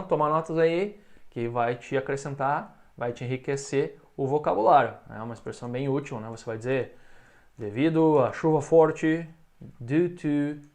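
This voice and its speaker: Man teaching English, slow repeated phrases. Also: mid-range voice, darkish tone. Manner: explains in Portuguese, models English phrases slowly for repetition. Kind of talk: recorded online English lesson.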